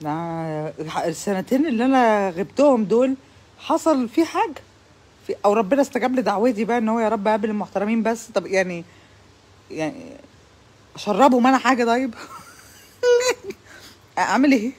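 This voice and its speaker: Fast-talking husky Egyptian woman comic. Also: fairly high pitch, expressive. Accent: Egyptian Arabic. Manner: exasperated, loud outbursts of complaint. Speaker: comedian. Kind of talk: comic stand-up monologue.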